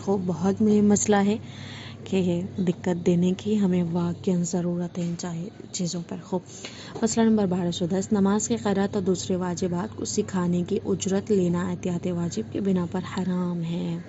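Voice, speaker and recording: A woman teaching an online religious lesson in a clear explanatory way, often asking a question and then answering it herself. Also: fairly low pitch, level tone, mellow. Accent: Indian Urdu. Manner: explanatory, asks and answers her own questions. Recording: dull lo-fi with faint noise.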